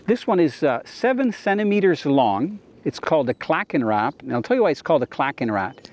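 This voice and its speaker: Male Canadian fishing host, 50s, slightly high pitch, keen and explanatory, casual delivery from a kayak. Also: very animated, a little fast, a little mellow. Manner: enthusiastic, explanatory. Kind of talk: casual on-camera fishing commentary. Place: outdoors in a kayak on a lake.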